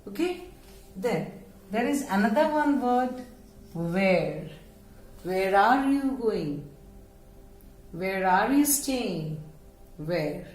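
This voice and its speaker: Slow Indian woman teaching pronunciation. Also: medium pitch, animated, darkish tone, roomy sound, rough recording. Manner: slow, careful pronunciation drills, mixing Hindi and English. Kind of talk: spoken English lesson for children.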